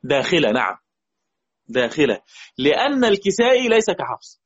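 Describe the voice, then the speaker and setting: A man's voice: a little high, big pitch swings, moderate pace, breathy edge, muffled recording. A man with an Egyptian Arabic accent teaching a Quran recitation lesson, patiently repeating key points and putting questions to his students. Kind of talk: explanatory lesson.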